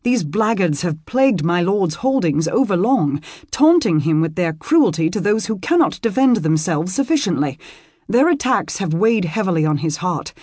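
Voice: mid-range voice, big pitch swings, moderate pace, a little mellow, breathy edge, no echo, studio quality. A narrator voicing an earnest, loyal teenage squire speaking in formal old speech. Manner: formal, dutiful.

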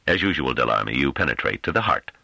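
A man's voice: rumbling low, big pitch swings, fast, gravelly, pushed and bright, husky, no room sound, heavily acted. A man voicing a grave, sardonic councillor. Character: calm sardonic male councillor defending himself.

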